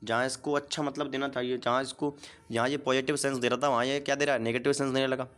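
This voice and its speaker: A man's voice: medium pitch, level tone, fast, fairly bright tone, clear, resonant tone. A man teaching a grammar lesson. He explains step by step, keeps asking short questions and answers them himself. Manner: asks questions and repeats the answers.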